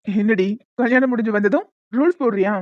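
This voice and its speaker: A woman voicing a playful, persistent young newlywed husband in an animated short, bantering and coaxing. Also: a little high, a little fast, no echo, muffled recording, natural voice. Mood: teasing. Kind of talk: cartoon voice acting.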